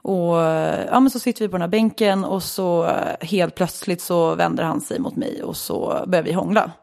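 A woman's voice: lowish voice, gravelly. Candid Swedish woman telling a story. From Sweden. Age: 20s. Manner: candid, swears freely, animated retelling. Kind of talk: casual storytelling chat.

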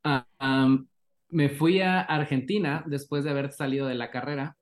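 A man with a Mexican accent, a guest on a podcast, telling lively anecdotes and acting out the dialogue in them. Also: mid-range voice, moderate pace. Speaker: animator guest. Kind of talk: casual podcast interview.

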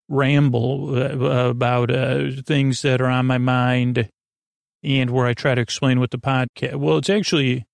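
A man with a creaky, gravelly, mid-range voice hosts a bedtime podcast, his halting monologue meandering and drifting off into tangents. The recording is dry and of studio quality.

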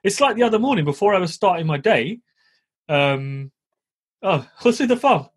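A man's voice: high-pitched, lively intonation, moderate pace, slightly rough. A middle-aged man chatting casually as a podcast co-host, blunt and emphatic, with slangy tags and swearing. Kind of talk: casual chat with slangy advice to listeners.

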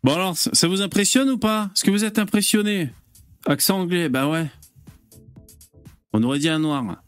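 A man's voice: high-pitched, animated, normal speed, smooth, faint music behind. Chatty French-speaking man hosting a live stream. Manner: chatty, hesitant, full of fillers and swearing. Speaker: host. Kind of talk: casual live-stream chat.

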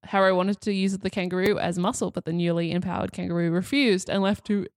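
A woman's voice: fairly low pitch, level tone, quick pace, no echo. Woman, podcast co-host, reads aloud, giggles often, dry close sound. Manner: giggly, reads aloud while stifling laughter. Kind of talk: casual chat, reading an article aloud.

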